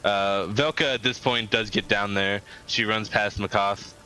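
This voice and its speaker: A man's voice: on the low side, steady tone, unhurried, very noisy. A man narrating a tabletop game as game master, mixing casual talk with scene description.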